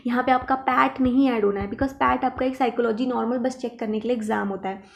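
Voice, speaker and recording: A woman teaches an online exam-prep lesson in a fast, slightly high, creaky voice with fairly even intonation. She's emphatic and reassuring, checking in with students often by repeating "ठीक है" and "देखो".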